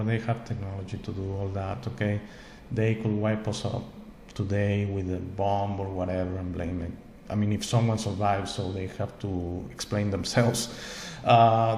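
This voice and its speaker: A host who is not a native English speaker talks to camera on his own show in an earnest, wandering spiritual monologue, with repeated words and frequent "okay?" checks. His lowish, dark voice is flat, at normal speed with few pauses, in an echoey room with faint ambient noise.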